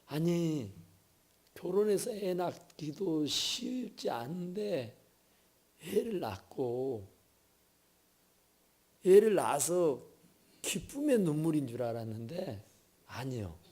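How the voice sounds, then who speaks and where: Man, pastor, sermon in a church, slow delivery, husky voice, lively rise and fall. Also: a little high. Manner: storytelling with sudden loud and hushed swings. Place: church sanctuary.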